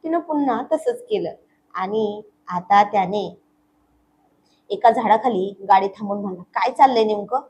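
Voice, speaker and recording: A woman narrating a romantic family story in a steady, intimate way. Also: medium pitch, measured pace, pauses often, a little hiss or hum, rough recording.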